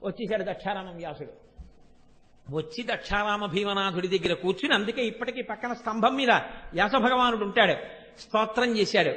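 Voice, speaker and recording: Give me a high-pitched man preaching a devotional story in a reverberant hall, chanting verses slowly. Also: a bit bright. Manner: asks listeners rhetorical questions; recites verses in a slow chant. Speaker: religious discourse speaker.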